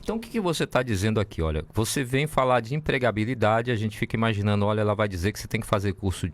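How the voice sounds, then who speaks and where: A man's voice: lowish voice, lively intonation, rapid-fire, dry recording. A man with a Bahian Brazilian accent interviewing a guest, circling and restarting as he builds long questions. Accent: Bahian Brazilian Portuguese. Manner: rambling, restarts often while framing questions.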